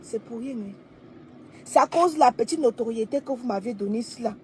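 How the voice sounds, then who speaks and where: A young adult woman, talking on a livestream in an emphatic, declaiming way that swings between soft and loud. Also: on the high side, a little fast, slight background noise. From Cameroon. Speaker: live streamer. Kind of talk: livestream monologue.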